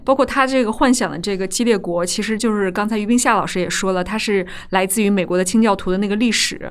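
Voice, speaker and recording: A woman in a casual podcast book discussion, explaining her points in a measured way. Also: mid-range voice, smooth.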